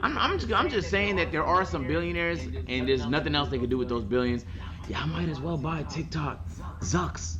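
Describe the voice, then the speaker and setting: A male streamer with a higher-than-usual voice talks casually to his chat, full of slang, swearing and exclamation. The sound is a little dull, with other voices audible behind him. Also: lively intonation, normal speed, crowd noise. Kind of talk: casual reaction commentary to a chat.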